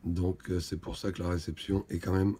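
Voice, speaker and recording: A man's voice: low-pitched, little pitch movement, moderate pace, husky. A man giving matter-of-fact live technical commentary as a radio operator, reporting signal and position. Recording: loud radio static and clicks. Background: radio hiss and receiver clicks.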